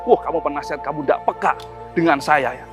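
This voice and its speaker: A man's voice: on the high side, fairly quick, music in the background, natural voice. A man voicing a hot-tempered king in a told story, speaking in a raised, indignant, pleading tone. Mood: angry.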